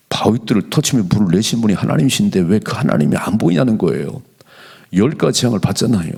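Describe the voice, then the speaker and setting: A middle-aged male pastor giving an animated dawn prayer sermon in a church, slowing down whenever he reads scripture aloud. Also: on the low side, creaky, husky. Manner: animated preaching, slows to read scripture aloud. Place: church sanctuary.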